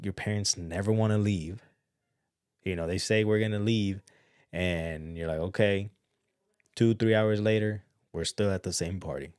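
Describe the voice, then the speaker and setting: A man hosting a podcast, talking casually on his own, chatty and excitable, often repeating his words. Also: deep voice, no room sound, clean studio sound. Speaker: podcast host. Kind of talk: casual solo commentary.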